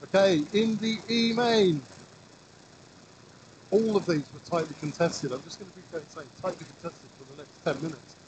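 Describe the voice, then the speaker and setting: A high-voiced man works as an event host at a live prize-giving. He addresses the crowd with upbeat, showy party-host patter. Engine and vehicle noise is clearly audible behind him. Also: normal speed.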